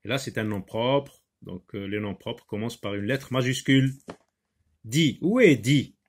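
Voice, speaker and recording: A male teacher giving a classroom reading lesson, sounding out syllables slowly and repeating words with emphasis. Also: lowish voice.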